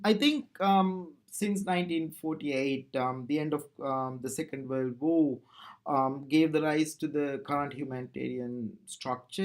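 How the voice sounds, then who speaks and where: A man from Sri Lanka presenting a recorded conference talk, speaking in a measured way with frequent pauses and fillers. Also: fairly high pitch.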